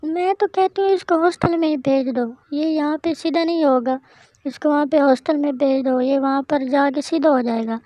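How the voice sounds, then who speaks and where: A woman's voice: high-pitched, dark tone, no echo, natural voice. A woman voicing a scolding mother in a cartoon story, lecturing and repeating herself. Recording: dull lo-fi dry recording.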